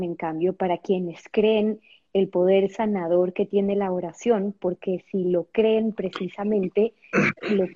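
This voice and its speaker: A woman's voice: medium pitch, mellow, dull audio. A woman interviewer posing a long, winding question to her guest.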